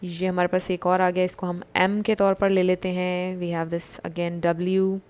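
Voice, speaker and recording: A woman giving a casual tarot reading to her viewers, gentle and reassuring, slipping English phrases into her talk. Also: fairly low pitch, little pitch movement, a little slow, smooth. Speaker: tarot card reader.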